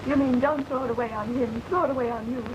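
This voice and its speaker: Actress playing a high-voiced proud woman, hissy early talkie. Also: steady tone, fast talker, lo-fi sound, lightly acted. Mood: weary resolve. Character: weary, proud stage actress leaving her lover for marriage. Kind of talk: early talkie film acting. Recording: noisy, hissy early sound film.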